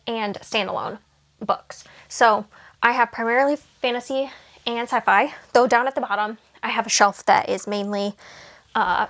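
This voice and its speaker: A young woman talks casually through her bookshelves at home, rambling with asides and fillers. She sounds a little out of breath at times, as in a relaxed home vlog. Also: mid-range voice. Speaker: booktuber.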